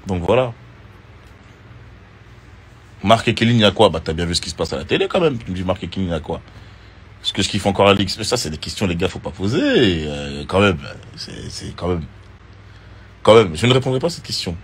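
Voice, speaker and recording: A man with a low, slightly husky voice talks loosely to his followers and drops plenty of slang and fillers. He answers viewer questions in a laid-back social media chat. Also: fast talker. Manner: relaxed and slangy, with many fillers. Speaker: reality TV contestant.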